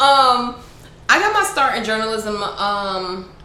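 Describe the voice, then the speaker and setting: A woman from Miami with a Miami accent, talking fast and informally as a journalist being interviewed. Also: on the high side. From Miami, United States. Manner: fast, animated, informal speech. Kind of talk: casual interview chat. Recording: roomy echo with faint background noise.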